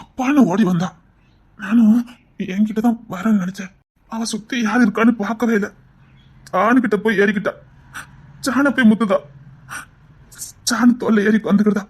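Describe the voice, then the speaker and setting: A man's voice: high-pitched, husky. An actor playing a heartbroken father in a TV serial drama. He confides in a friend in a heartfelt, pleading way. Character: heartbroken father whose daughter prefers another man.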